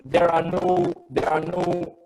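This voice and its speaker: A man with a Portuguese accent presents at an investment webinar over a web call, using his computer. His voice is high, level and darkish, and he speaks slowly and hesitantly, often repeating words and phrases in this business presentation.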